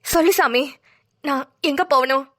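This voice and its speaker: A woman voicing a stern, resolute elderly village grandmother in a cartoon, speaking bluntly and gravely. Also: high-pitched, bright, forceful tone. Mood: resigned. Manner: blunt, unrepentant, slow and grave. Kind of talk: cartoon voice acting.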